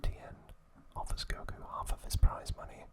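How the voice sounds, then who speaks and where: Whispering quietly, a male ASMR host takes his time through a recap, leaving deliberate pauses along the way.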